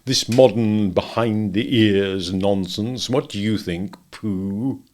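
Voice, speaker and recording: A glum old donkey, as a man puts him on, grumbling at a slow, dragging pace. His lines come out heavy, low and put-upon. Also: darkish tone.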